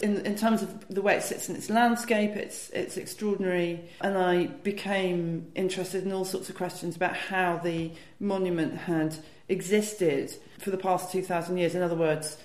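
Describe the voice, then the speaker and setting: A woman's voice: lowish voice, a little mellow. A British woman author answering interview questions in a thoughtful, self-deprecating way, often restarting her sentences. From Britain. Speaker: author and guest. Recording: roomy echo.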